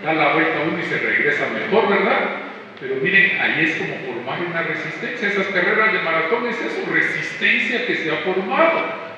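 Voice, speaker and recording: A man's voice: a little high, a little fast. Guatemalan man speaking in a reverberant hall. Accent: Guatemalan Spanish. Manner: expressive, acts out quoted voices. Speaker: marriage counselor giving a talk. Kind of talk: church retreat talk on parenting. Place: large hall at a church retreat. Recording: distant mic, long hall reverb, dull and noisy.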